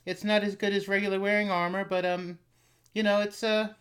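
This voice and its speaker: A man's voice: high voice, level tone, a little fast, a bit bright, clean tone. A game master voicing a chatty, flustered female shopkeeper who rambles with lots of fillers.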